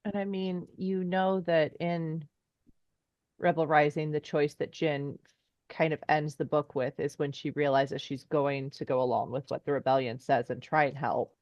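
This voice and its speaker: A woman's voice: deep voice, steady tone, measured pace, darkish tone, no echo, dull audio. A woman talking as a podcast guest in a casual chat, enthusiastic and rambling in long trailing asides.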